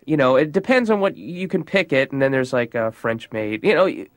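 A man's voice: medium pitch, expressive, normal speed, no echo. A male comedian rambles with eager energy, tripping over his words. His voice sits in a middle range, and it is recorded close and dry. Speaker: comedian as patient. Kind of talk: stand-up comedy bit.

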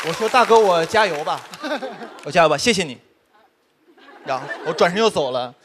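A young man performing a stand-up comedy set on stage, telling quick self-mocking stories with constant asides to the audience. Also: sits high, animated, a crowd in the background, background noise. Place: studio stage before a live audience. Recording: live stage mic with audience laughter. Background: audience laughter.

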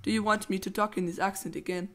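A man's voice: sits high, little pitch movement, quick pace, a crowd in the background. A teenage boy giving rambling, playful commentary while playing a game, with goofy jokes. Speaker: let's play host. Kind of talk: casual gameplay commentary.

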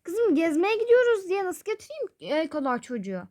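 A woman's voice: extremely high pitch, sing-song, a little fast, darkish tone, a little hiss or hum, voice pushed up. A woman voicing a fussy, nagging mother in a toy-game role-play, grumbling with sighs. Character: fussy scolding mother of a family.

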